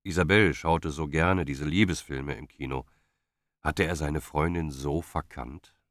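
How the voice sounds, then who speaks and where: A man reading a novel aloud as an audiobook narrator, calm and measured. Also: a bass voice, no room sound, studio quality. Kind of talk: scripted narration.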